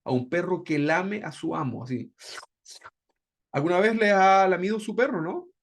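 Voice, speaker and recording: A man's voice: sits high, normal speed. A man teaching a Bible discipleship class in a conversational way, often checking in with "¿verdad?". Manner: conversational, keeps asking "¿verdad?".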